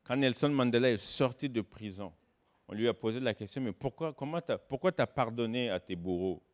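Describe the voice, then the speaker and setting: Pastor guy preaching, mid pitch, gets loud then drops real quiet, drags out the big words. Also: expressive. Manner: swings between loud emphatic stresses and hushed low asides; slows down to stress key words. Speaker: guest pastor. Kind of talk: sermon.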